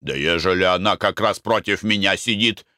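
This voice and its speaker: A man's voice: low voice, normal speed, pushed and bright, dry recording, studio quality. A man voicing a henpecked middle-aged husband who coaxes his wife. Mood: coaxing. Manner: coaxing, wheedling.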